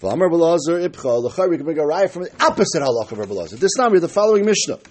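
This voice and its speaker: A man with teaches a religious text aloud. His voice sits high and swings widely in pitch, with a husky edge. He reads a phrase, explains it, then argues it through by posing questions and answering them. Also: very animated, very fast. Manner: argumentative, asking questions and answering them himself. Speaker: Talmud teacher.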